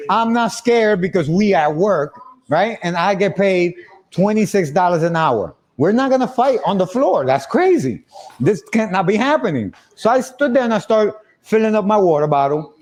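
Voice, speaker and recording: A young man telling a story casually on a livestream, animated and laughing as he acts out the voices of the people in it. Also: high voice, moderate pace.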